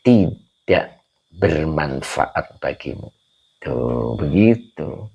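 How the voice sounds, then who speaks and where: A man's voice: very deep voice, big pitch swings, drawn-out words, creaky, darkish tone, breathy edge, lo-fi sound. A man giving a live-streamed religious lesson, patiently explaining Arabic grammar and reading out viewer comments as he quizzes them. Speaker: Islamic teacher.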